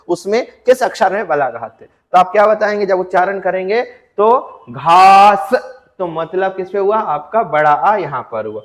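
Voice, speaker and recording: High-voiced male Hindi grammar teacher. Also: big-room sound. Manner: addresses students as friends, asks and answers own questions; stretches out example words slowly for stress. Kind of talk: exam-prep lecture.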